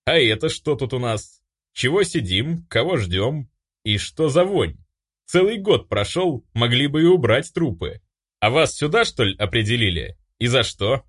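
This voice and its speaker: A man's voice: mid-range voice, very animated, unhurried, a bit bright, husky, heavily acted. A brash young man, read by a man. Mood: cheeky. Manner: cheeky, brash. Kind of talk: audiobook character voice.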